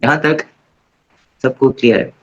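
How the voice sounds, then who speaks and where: A man teaching an online Arabic grammar class in a casual, repetitive way. He keeps checking in with his students and slowly chants verb forms aloud. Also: medium pitch, fairly even intonation. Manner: casual and repetitive, checking in with "theek hai?" after every point. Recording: dull lo-fi recording.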